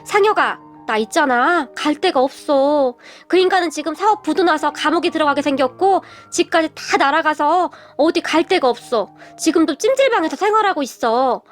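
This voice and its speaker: A woman voicing a pleading, remorseful middle-aged mother in a radio story, talking slowly and begging. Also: high voice, expressive, faint music behind.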